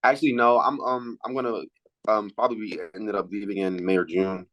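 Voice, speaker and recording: Male, late teens, student athlete. Lowish voice, casual interview answers, halting delivery with repeated words. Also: fairly even intonation, lo-fi sound. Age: late teens, high school senior.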